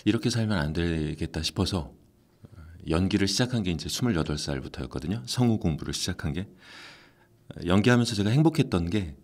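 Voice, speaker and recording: A middle-aged man with a fairly low voice speaks in a lively, swinging way, his pitch rising and falling a lot. He is a voice actor answering interview questions in a relaxed, chatty manner. He drops into quoted lines and acts them out as he tells his stories. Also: brisk. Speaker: voice actor and academy head.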